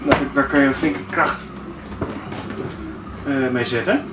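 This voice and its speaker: An unhurried man in his fifties demonstrates something informally for his sailing vlog from the navigation desk of a sailboat cabin, his delivery hesitant as he hunts for words. He has a mid-range voice. With the camera a few steps off, the recording sounds distant, roomy, and noticeably noisy.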